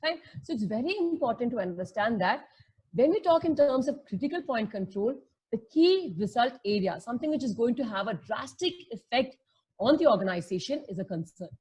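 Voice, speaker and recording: A woman's voice: on the high side, expressive, a little fast, darkish tone, breathy edge, rough recording. A woman with an Indian accent teaching a lesson in a conversational way, explaining with everyday examples and checking in with questions. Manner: conversational, checks in with rhetorical questions and tag words; mixes Hindi phrases into English.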